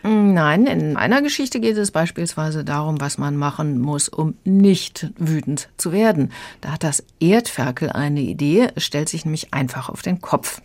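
A woman critic calmly explaining a children's audiobook in a radio conversation. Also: low-pitched, normal speed, few pauses. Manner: calm, explanatory. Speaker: book critic.

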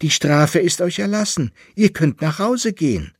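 A man reading an audiobook, voicing calm council elders who speak in a measured, reassuring way. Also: fairly high pitch, slightly rough, no echo, clean studio sound, exaggerated voice.

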